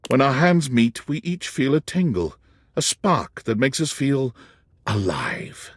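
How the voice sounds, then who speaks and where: A man giving scripted narration in a video game, soft and storytelling. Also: mid-range voice, sing-song, takes it slowly, breathy edge, no echo, clean studio sound, heavily acted.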